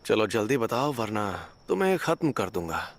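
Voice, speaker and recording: A man's voice: lowish voice, very animated, normal speed, over loud music. A man voicing a cocky, carefree young male sorcerer in an anime dub, teasing and taunting everyone.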